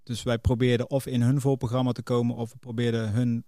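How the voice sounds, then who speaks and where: Middle-aged male podcast guest, mid-pitched, casual anecdotal delivery, dry close sound. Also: little pitch movement, quick pace, mellow, no echo. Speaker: podcast guest, music booker. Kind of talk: casual interview, telling career anecdotes.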